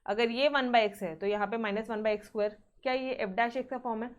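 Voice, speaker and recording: A woman's voice: fairly high pitch, fairly even intonation, a little fast, muffled recording. A woman teaching a maths class, mixing Hindi with terms, often checking in with her students and sternly reminding them to practise. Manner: mixes Hindi with English terms.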